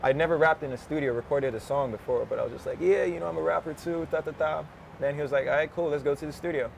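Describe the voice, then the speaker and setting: A man's voice: a little high, fast, creaky, slight background noise. A man in his twenties, a rapper, chatting casually and slangily in an interview outdoors, often laughing and drifting off topic. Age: 20s.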